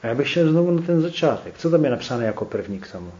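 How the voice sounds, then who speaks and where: A man leading a group Bible study, talking reflectively and pausing to put questions to the group. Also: medium pitch, very animated, a little mellow. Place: room with a small group. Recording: roomy, dull recording with faint clicks.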